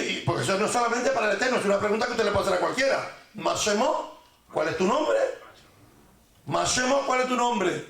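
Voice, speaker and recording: A man preaching and teaching a congregation, joking as he corrects pronunciation and drags words out slowly to repeat them. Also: extremely high pitch, a bit bright, echoey room. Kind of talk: sermon teaching.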